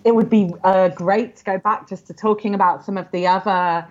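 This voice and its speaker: A woman's voice: mid-range voice, fairly even intonation, moderate pace, a little hiss or hum. A woman scholar in an interview, explaining ancient texts earnestly and often saying "you know". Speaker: guest scholar. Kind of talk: academic interview. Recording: muffled lo-fi audio.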